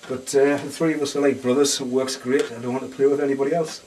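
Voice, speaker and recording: A man's voice: medium pitch, little pitch movement, quick pace, darkish tone. An easygoing man with a Northeast English accent talks casually about his band, in a mid-range voice. He is picked up from a distance in a lounge bar, with faint noise behind him. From Sunderland, England. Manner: easygoing, rambling. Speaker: band guitarist and singer. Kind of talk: casual interview chat.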